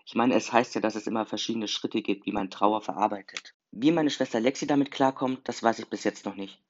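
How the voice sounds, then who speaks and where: A man's voice: lowish voice, fairly quick, slight background noise. A man narrating a first-person story in an earnest, emotional reading. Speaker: story reader. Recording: slightly dull lo-fi recording.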